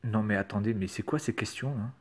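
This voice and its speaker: Over a noisy background, a man with a fairly low voice speaks fairly quickly, reading quiz questions aloud and answering them. It's a casual screen-recorded YouTube commentary, and he is sarcastic, hesitant and swears now and then.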